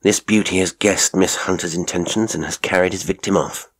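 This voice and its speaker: A man voicing a sharp, commanding male detective in an audiobook, with a brisk, authoritative manner. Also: low-pitched, steady tone. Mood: keen. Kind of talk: audiobook character acting.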